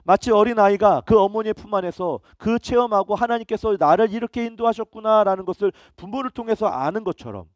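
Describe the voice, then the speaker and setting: A man's voice: sits high, brisk, hardly any pauses, dry recording. A middle-aged male pastor preaching a sermon, emphatic, often asking his listeners rhetorical questions.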